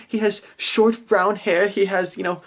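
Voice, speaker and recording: A desperate mother in a tabletop fantasy tale, pleading in a shrill, breathless rush, repeating herself as panic takes hold, as a man puts her on. The voice sits far above the speaker's own. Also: steady tone, unhurried. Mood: flustered. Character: frantic young mother searching for her child.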